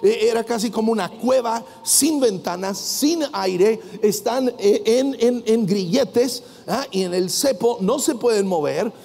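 A man preaching a sermon, asking his listeners rhetorical questions and swinging from hushed asides to loud exhortation. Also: high voice, measured pace, gravelly, hardly any pauses, in a large hall.

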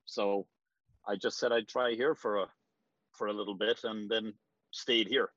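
A man's voice: on the low side, fairly even intonation, unhurried, a bit bright, dry recording. A man in his forties with an Irish accent, answering interview questions in a rambling, hesitant way with frequent ums. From Ireland. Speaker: real estate agent, guest. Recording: dull lo-fi sound.

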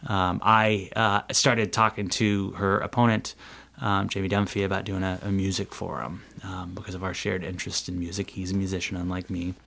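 Male candidate, low and gravelly, wry and chatty in a podcast interview. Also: level tone, normal speed, bright, forceful tone. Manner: chatty, sarcastic, laughs at own jokes. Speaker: city council candidate.

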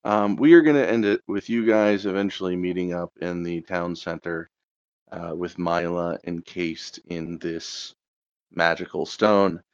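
Low-voiced man narrating as game master. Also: fairly even intonation, a little slow, smooth, dry recording. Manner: hesitant, filler-heavy narration. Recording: dull, lo-fi sound.

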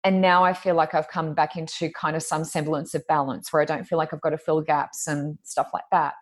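A loud-voiced woman co-hosting a podcast tells a personal story in casual conversation, acting out her own thoughts as she goes. Her voice sits low with little pitch movement, and she speaks fairly quickly.

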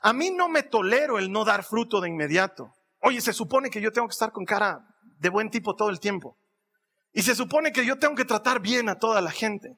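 High, gravelly-voiced pastor. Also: male voice, expressive, a little fast, sharp tone, long reverb tail. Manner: intimate, confessional, conversational with asides. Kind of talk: reflective sermon talk.

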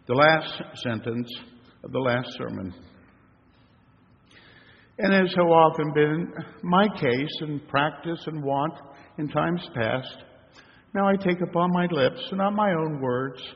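Older pastor preaching in a reverberant church. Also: male voice, mid-range voice, creaky. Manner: measured, rising to emphatic flourishes. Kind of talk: sermon. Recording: reverberant church, dull lo-fi sound.

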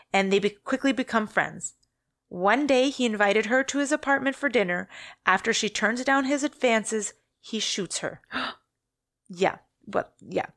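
A woman's voice: on the high side, dry recording, clean studio sound. A woman co-hosting a podcast, casually recounting a true-crime story and often correcting herself mid-sentence. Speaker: podcast co-host.

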